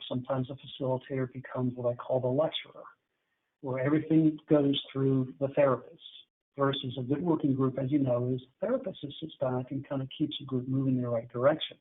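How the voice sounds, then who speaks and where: A man's voice: medium pitch, breathy edge. A middle-aged man, a therapist, giving a candid, conversational webinar lecture on addiction treatment. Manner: candid, conversational, acts out client dialogues. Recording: tinny phone-like webinar audio.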